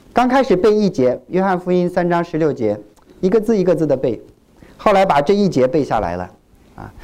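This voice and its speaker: A pastor from China preaching a sermon, asking the congregation questions and acting out what churchgoers say. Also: medium pitch. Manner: animated, asks the congregation questions and acts out quoted churchgoers.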